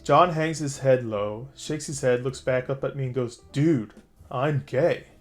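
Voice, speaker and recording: An easygoing man narrates an online story in a relaxed, chatty voice at a middle pitch. Faint music plays under his voice. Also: normal speed. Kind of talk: reading an online story aloud.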